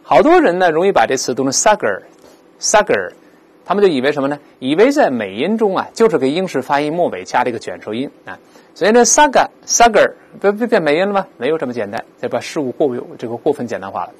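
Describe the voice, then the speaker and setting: A man teaching an English vocabulary lesson, explaining words with rhetorical questions and slowly repeating them aloud for pronunciation practice. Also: fairly high pitch, very animated, breathy edge.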